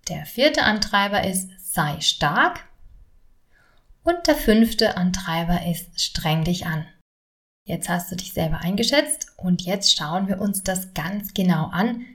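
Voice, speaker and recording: A woman, hosting a solo podcast on stress and talking straight to the listener in a friendly way. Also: fairly low pitch. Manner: friendly, addresses listener directly. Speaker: podcast host and stress coach. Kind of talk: solo podcast talk with exercises.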